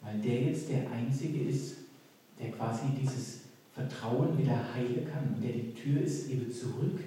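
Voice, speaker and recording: A man's voice: medium pitch, measured pace, mellow, a little hiss or hum. Man preaching in an echoey hall. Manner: earnest, conversational preaching with acted-out quotes. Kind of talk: sermon. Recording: echoey hall, voice picked up from a distance.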